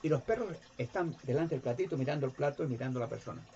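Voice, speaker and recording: A man giving an impassioned religious monologue, animated, acting out voices and sounds. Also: quick pace, vocal fry, a little hiss or hum. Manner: animated, jumps in pitch to act out voices and sounds. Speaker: video presenter. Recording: dull lo-fi recording.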